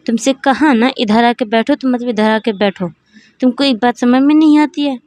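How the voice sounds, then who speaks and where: A woman's voice: fairly high pitch, fairly even intonation, a little mellow, no room sound, natural voice. A woman voicing a strict mother who nags and scolds her grown son with sarcasm. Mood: angry. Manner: nagging, sarcastic, quick-tempered.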